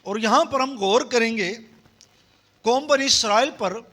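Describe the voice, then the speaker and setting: Man, pastor, sermon, call-and-response, very high pitch. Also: unhurried. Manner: preaching with call-and-response repetition; switches between loud emphatic and soft low passages.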